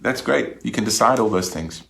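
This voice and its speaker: A man's voice: lowish voice, expressive, moderate pace, gravelly, fairly bright tone. A man giving a Sunday reflection as a minister, speaking conversationally and often restarting his sentences.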